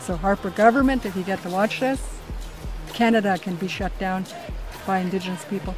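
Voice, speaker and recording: A woman's voice: medium pitch, fairly even intonation, brisk, music in the background, poor audio. Impassioned woman urging listeners. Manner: urgent, exhorting, repeats key words. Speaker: interviewee. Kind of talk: impassioned interview answer.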